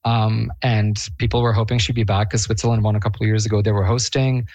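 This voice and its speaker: Talking fast in a lowish, darkish voice with little pitch movement, this Bosnian Eurovision fan is a chatty, eager interview guest. He laughs a lot and leans heavily on fillers; the recording is dry.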